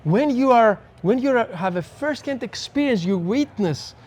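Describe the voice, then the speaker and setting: His voice is extremely high, animated and darkish in tone, delivered at a normal speed. A neuroscientist guest with a Greek accent, he talks earnestly and reflectively in a casual podcast chat, using examples to explain.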